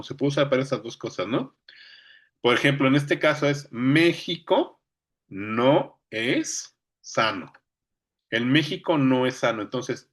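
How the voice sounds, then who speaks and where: A man's voice: medium pitch, a bit bright. A man with a Mexican accent giving an informal lecture, talking conversationally and often checking that listeners are following. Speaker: speaker on poetry.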